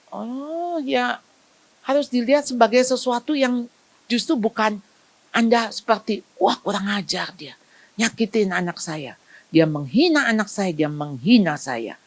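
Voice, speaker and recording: A woman giving a lively parenting seminar as a family counselor, acting out dialogue with playful voices. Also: fairly high pitch, dry recording. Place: school seminar hall.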